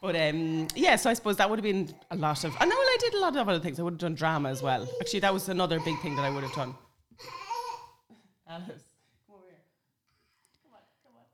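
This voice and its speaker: Woman, West of Ireland accent, around forty, low pitch, rapid pace, chatty, informal, conversational interview. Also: very animated. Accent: West of Ireland, Sligo. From Sligo, Ireland. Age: late 30s to around 40. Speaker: podcast guest. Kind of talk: casual conversational interview, reminiscing.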